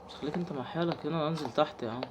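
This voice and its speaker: Young Egyptian male gamer, fast horror commentary, high lively voice, easily spooked. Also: background noise. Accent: Egyptian Arabic. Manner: jumpy, talks to himself and the game, yelps when startled. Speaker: gaming channel host. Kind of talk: horror game let's play commentary.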